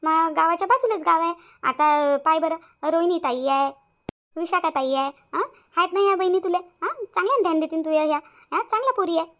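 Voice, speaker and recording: Lady doing a very high-pitched chatty village auntie, bossy but comforting, muffled. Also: a little fast. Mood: consoling. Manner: chattering, repetitive scolding-consoling. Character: chatty middle-aged village woman, bossy and consoling. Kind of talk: cartoon voice acting.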